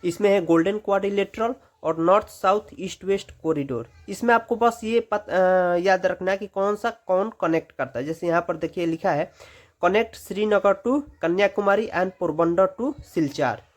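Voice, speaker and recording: A male teacher with a fairly high voice runs a brisk exam-prep lesson in Hindi. He moves page by page, repeating short instructions as he goes.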